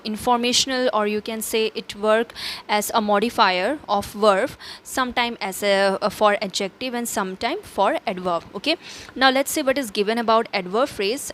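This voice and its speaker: A woman's voice: medium pitch, a bit bright, slight background noise. A woman teacher explaining grammar step by step, asking and answering her own questions, with fillers and self-corrections. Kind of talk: recorded grammar lesson.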